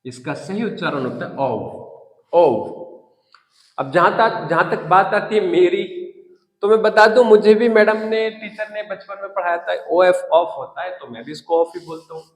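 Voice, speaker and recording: A man with an Indian English accent teaching a spoken English lesson, repeating key words slowly and emphatically. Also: high voice. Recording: echoey room with long reverb.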